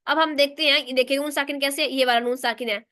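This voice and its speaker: A woman's voice: sits high, steady tone, fast talker, sharp tone, dry recording, studio quality. A woman teaching a recitation lesson online in speech, explaining step by step and answering her own questions.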